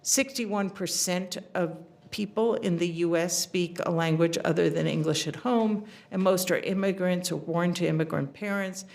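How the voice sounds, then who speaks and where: A woman's voice: fairly low pitch, moderate pace, creaky, darkish tone. Earnest woman lecturing with many fillers. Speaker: invited seminar speaker. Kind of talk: academic lecture.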